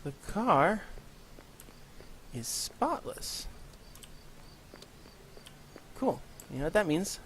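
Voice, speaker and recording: Slow and high-voiced, with big swings in pitch, this gaming channel host chats through let's play commentary in a rambling, self-deprecating way. Allergies leave him slightly congested, and his unpaneled room picks up a little background noise.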